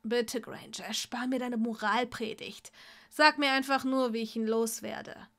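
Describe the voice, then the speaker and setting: A woman's voice: fairly high pitch, steady tone, measured pace, fairly bright tone. A woman voicing a bitter, desperate young male wizard student in a storybook reading, pleading and snapping.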